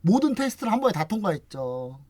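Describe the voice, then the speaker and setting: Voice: mid-range voice, quick pace, no echo. An investment channel host in casual explanatory talk, telling it like a story and acting out what others say. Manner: lively storyteller acting out quoted remarks; chatty, frequent rhetorical questions.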